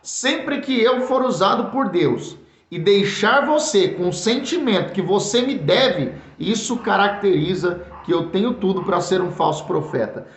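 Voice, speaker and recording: A man's voice: high voice, animated, unhurried. A man with a São Paulo Brazilian accent preaching earnestly, repeating his words and stumbling over fillers as he calls the listener brother. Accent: Brazilian Portuguese, São Paulo. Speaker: pastor, Bible teacher. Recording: echoey room, dull lo-fi sound.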